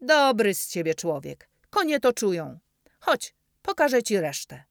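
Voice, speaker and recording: A woman's voice: mid-range voice, big pitch swings, a little slow, vocal fry, no room sound, studio quality, voice pushed up. A woman voicing a friendly, cheerful teenage farm boy in a storybook reading.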